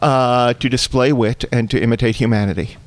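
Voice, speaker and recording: A man's voice: mid-range voice, steady tone, fairly quick. A man, a guest comedian, reading his own comic story aloud with a wry, precise, wordy delivery.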